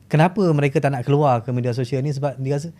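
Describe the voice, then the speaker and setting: A Malaysian man, a historian guest on a podcast, explaining in a fast way and often asking and answering his own questions. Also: medium pitch, steady tone, dark tone. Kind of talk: podcast interview.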